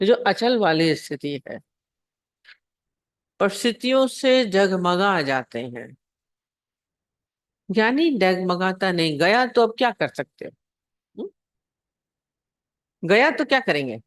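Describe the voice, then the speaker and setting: Woman preacher, storytelling sermon, middle pitch, dry. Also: sing-song, takes it slowly, long pauses, no echo. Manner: storytelling, asks the listeners questions. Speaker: spiritual teacher. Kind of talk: sermon on scripture.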